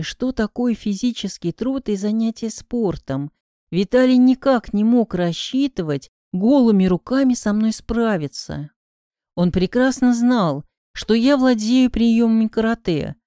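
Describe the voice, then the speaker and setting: A woman with a warm, mellow voice reads a detective story aloud in the first person, keeping a steady, measured storytelling pace. The recording is dry and close, with no room sound around her. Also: fairly high pitch, dry recording. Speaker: audiobook narrator. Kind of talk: first-person audiobook narration of a detective novel.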